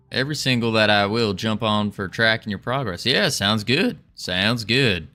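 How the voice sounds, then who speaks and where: Slow, bright-toned man live coding. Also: lowish voice. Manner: relaxed, chatty, greets viewers, muses while working. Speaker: indie game developer streaming. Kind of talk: casual live coding stream, thinking aloud.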